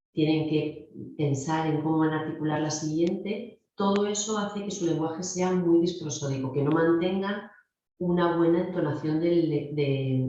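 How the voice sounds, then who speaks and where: Low mellow-voiced Spanish woman lecturing. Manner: explanatory, addresses students directly. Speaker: speech therapy lecturer. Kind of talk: recorded clinical lecture. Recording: very echoey, dull lo-fi room sound.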